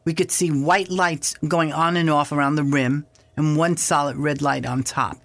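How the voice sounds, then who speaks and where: A woman's voice: low-pitched, fairly even intonation, moderate pace, dry recording. An older woman, a guest in an interview, telling a story with animation and acting out past dialogue.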